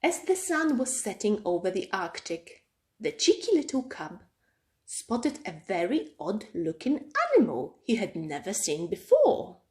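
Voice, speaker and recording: A woman reading a children's story aloud in an expressive, dramatic storytelling style. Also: mid-range voice, a little slow.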